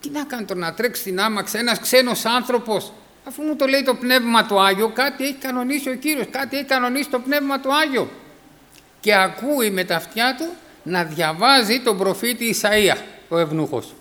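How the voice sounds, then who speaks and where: A man's voice: very high voice, sharp tone. A man preaching a sermon, emphatic, repeating key phrases and acting out the voices in his stories. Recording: echoey hall.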